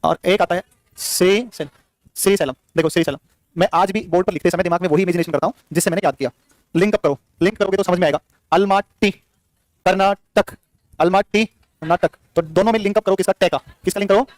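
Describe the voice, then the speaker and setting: Fast-talking high-voiced male teacher. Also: darkish tone, dry recording. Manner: drills students with repeated questions and answers; jokey, scolds the class playfully. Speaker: geography teacher. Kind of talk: live classroom lecture.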